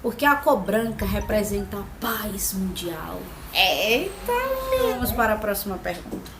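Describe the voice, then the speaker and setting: A woman's voice: mid-range voice, lively intonation, unhurried, over a noisy crowd. A woman answering tag questions in a casual vlog, playful and jokey, making little sound effects. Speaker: vlogger. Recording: echoey room with faint background noise.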